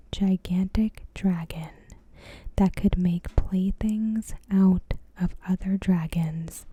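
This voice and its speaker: A female ASMR host with a mid-range voice reads a review aloud. She uses a soft, breathy, unvoiced whisper and takes a deliberate approach.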